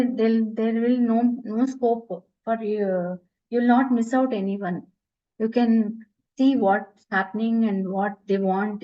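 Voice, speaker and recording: A woman's voice: a little high, dull audio. A woman teacher trainer answering questions in an online session, earnest and advice-giving with many hesitations, heard over a video call. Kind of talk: online webinar Q&A.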